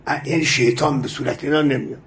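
A man preaching a sermon with passion, reciting prayer lines and explaining them, his voice swelling to loud emphatic cries. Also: a little high, steady tone, a little hiss or hum. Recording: echoey room.

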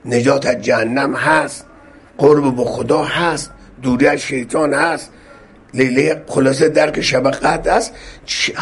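A male preacher with a gravelly, husky voice, giving a fervent, pleading sermon mixed with prayer that rises into loud cries. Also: a little high. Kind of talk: religious sermon with supplication.

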